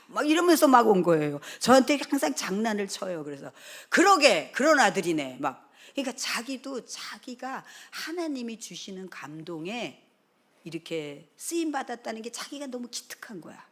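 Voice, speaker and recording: A middle-aged woman pastor preaching a sermon, telling stories with lively acted-out dialogue, sometimes dropping to a whisper and then rising loud. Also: on the low side. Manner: animated storytelling, acts out dialogue, drops to a whisper and then bursts loud.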